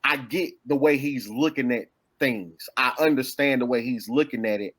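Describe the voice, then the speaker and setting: A man's voice: mid-range voice, normal speed, fairly bright tone, no room sound. A man, a teacher, speaking as a podcast guest in a casual debate, earnestly addressing the others directly.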